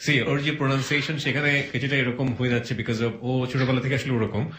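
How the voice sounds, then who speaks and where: A male interview host who talks quickly and keeps up frequent affirming murmurs while steering his guest. His pitch is mid-range for a man. The recording space carries a clear echo. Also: level tone, a bit bright. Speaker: radio-style host. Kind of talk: interview host, prompting and commenting.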